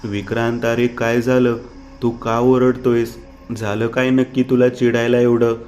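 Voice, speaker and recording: A man's voice: medium pitch, monotone, unhurried, a little mellow, natural voice. A man voicing a distraught young wife, distressed and questioning. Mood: worried.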